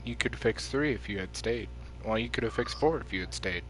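A man's voice: lowish voice, brisk, fairly bright tone, soft background music, poor audio. A man streaming a game, chatting casually with friends, joking and swearing as he plays. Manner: joking, swearing, playful trash talk. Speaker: gaming streamer. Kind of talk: casual gameplay chat.

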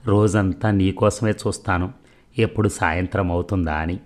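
A lonely middle-aged woman, tearful and pleading in her soft words, as a man reads her lines. The voice stays deep and low throughout, since the storyteller barely shifts away from his own tone. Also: steady tone, moderate pace, natural voice. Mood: tender.

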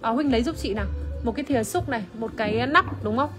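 A woman's voice: on the high side, quick pace, music in the background. A woman presenting wine on a phone livestream in casual chat, full of fillers and greeting viewers by name. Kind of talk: casual livestream product demo. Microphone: phone camera, iPhone.

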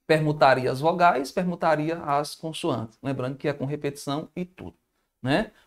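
A Brazilian man teaching a live math review, thinking aloud and answering viewer comments in an informal way. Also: high-pitched. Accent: Brazilian Portuguese.

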